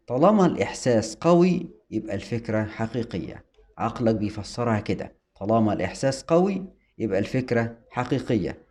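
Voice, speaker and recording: A man with an Egyptian Arabic accent hosts an explainer. He talks calmly in numbered parts and answers his own questions. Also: mid-range voice. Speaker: host explaining OCD. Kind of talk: scripted explainer talk.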